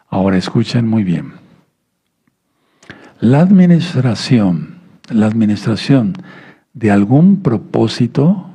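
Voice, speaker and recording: A man preaches a sermon in a patient teaching tone. His voice is gravelly and a little husky, with a warm, dark colour. He stumbles over and restarts words and keeps asking his listeners whether they follow. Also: mid-range voice. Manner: teaching tone, many restarts and stammered words, asks the audience "¿sí?".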